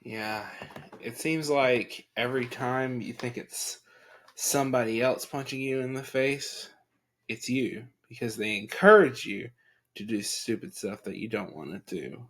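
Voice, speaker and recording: A man's voice: medium pitch, measured pace, fairly bright tone. A man gives a weary, confessional spoken reflection.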